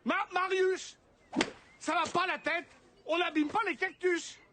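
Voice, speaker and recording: A man's voice: high-pitched, big pitch swings, fairly quick, noisy background. A middle-aged actor playing a cheerful, bossy father.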